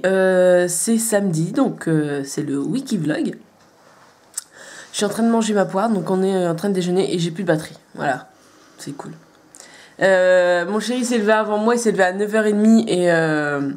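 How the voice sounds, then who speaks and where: A woman's voice: medium pitch, moderate pace, darkish tone. A young woman chatting casually and hesitantly to her handheld camera at home, rambling as a vlogger. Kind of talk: casual vlog chat. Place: at home indoors.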